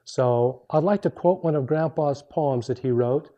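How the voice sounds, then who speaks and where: A man introducing and reciting homespun cowboy poetry in an unhurried storytelling way, with measured rhymed phrasing. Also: a little high, dark tone. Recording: dull, muffled lo-fi sound.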